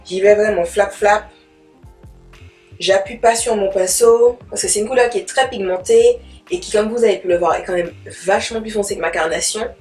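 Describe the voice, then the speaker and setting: A woman's voice: mid-range voice, normal speed, darkish tone, faint music behind. A young woman, chatting casually through a makeup tutorial and dropping in English words. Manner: chatty, mixes in English words, repeats fillers. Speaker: beauty vlogger.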